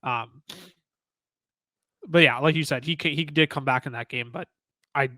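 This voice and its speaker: A man co-hosting a sports podcast, talking excitedly in casual chat with many restarts. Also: fairly high pitch, moderate pace, no room sound. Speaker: podcast co-host.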